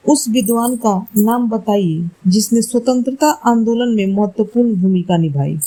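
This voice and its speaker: Woman, exam-prep teacher; unhurried, dark-toned delivery; works through questions, fixes slips aloud. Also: fairly high pitch, poor audio. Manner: slow, deliberate explaining, corrects herself aloud. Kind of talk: reading quiz answers for exam study.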